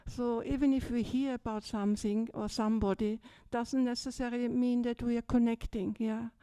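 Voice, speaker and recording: Seated on a low stage in a big, dimly lit hall, an older Austrian Buddhist nun shares a personal story with her retreat group, her German accent clear. Her fairly high, soft, mellow voice is smooth and flat at a moderate pace, and she chats along, punctuating with "yeah?". The handheld mic yields a dry, close sound.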